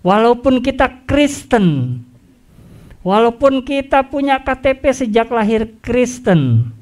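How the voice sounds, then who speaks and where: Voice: medium pitch, slow pace. A pastor preaching a sermon, firing rhetorical questions at the congregation and repeating urgent warnings. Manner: animated preaching with rhetorical questions and acted-out inner voices.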